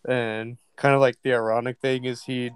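A man on a podcast recalling a memory in a halting, casual way, with many fillers. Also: medium pitch, flat delivery, smooth. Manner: hesitant, lots of ums and likes. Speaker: podcast co-host. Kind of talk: casual storytelling.

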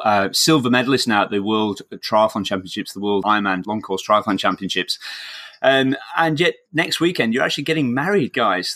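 A man's voice: mid-range voice, bright, forceful tone. A middle-aged man with a broad Yorkshire accent, hosting a podcast in an enthusiastic, wordy, chatty way. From north of England. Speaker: podcast host, swimming coach. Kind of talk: chatty podcast introduction and interviewing.

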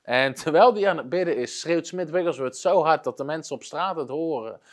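A man with a somewhat high voice preaches in an earnest storytelling manner. He often pauses and restarts his sentences as he works through a tale. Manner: earnest storytelling with frequent hesitations. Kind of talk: storytelling sermon.

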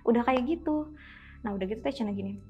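A woman's voice: a little high, fast, mellow, dull audio. A young woman, telling a personal experience in a casual chatty way, often addressing her listener and acting out what people said. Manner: acts out quoted speech with sudden exclamations. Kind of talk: casual spoken storytelling. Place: podcast studio.

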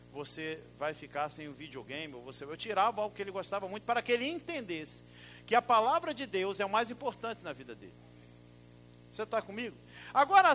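A middle-aged man preaching a sermon, emphatic, swinging from loud exclamations to soft asides. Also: very high-pitched.

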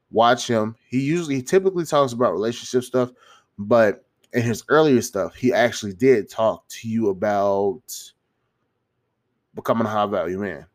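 A man with a stuffy, congested nose gives casual motivational advice to viewers, rambling in slangy, sweary language and often restarting his phrases. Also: medium pitch. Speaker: YouTuber giving self-improvement advice.

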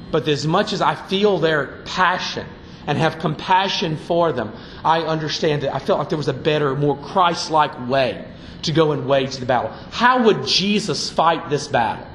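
A man's voice: fairly high pitch, unhurried, a bit bright, reverberant, slight background noise, low-quality recording. A man preaching a sermon from the pulpit, fiery and emphatic. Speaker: pastor. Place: church sanctuary.

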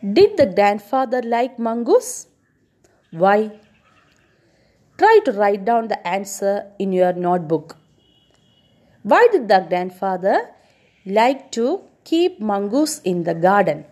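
A woman's voice: mid-range voice, slow pace, long pauses. A woman teacher retelling a story to her students, stopping to quiz them with questions and stressing key words. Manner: expressive, quizzes listeners with questions.

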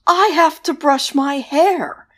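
A woman voicing a vain, touchy female banshee with a whispery, drawn-out wail in a storybook reading. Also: high-pitched, voice pushed up. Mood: airy.

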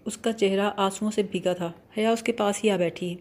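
A woman narrating a novel aloud in a steady, even storytelling manner. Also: mid-range voice. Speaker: audiobook narrator.

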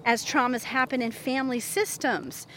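A woman in her forties hosts her podcast as a therapist, talking in a chatty, animated way and laughing often. Her voice sits a little high. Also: normal speed, slight background noise. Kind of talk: casual podcast monologue.

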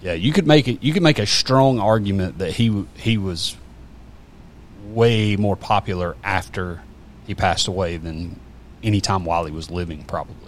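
A man's voice: deep voice, moderate pace. A man chatting casually on a podcast, rambling with many fillers and restarts. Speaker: podcast guest. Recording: faint background noise.

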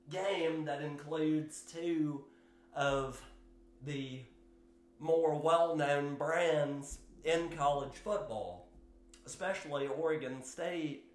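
A man hosting his own sports podcast, giving solo commentary in a slow, measured way with fillers and hedges. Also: a little high, roomy sound. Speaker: podcast host.

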